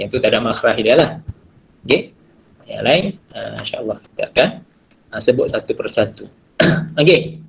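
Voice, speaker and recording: Malaysian man teaching in a husky voice. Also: medium pitch. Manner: patient, repeats letters slowly to demonstrate pronunciation. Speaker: Quran recitation teacher. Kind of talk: online tajwid class. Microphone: video call. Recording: dull lo-fi video call audio.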